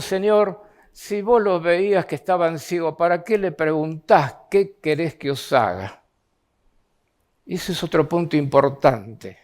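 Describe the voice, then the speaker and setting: A man with an Argentine Spanish accent and a voice on the high side preaches an earnest church sermon. He reads scripture aloud with a rising, pleading tone.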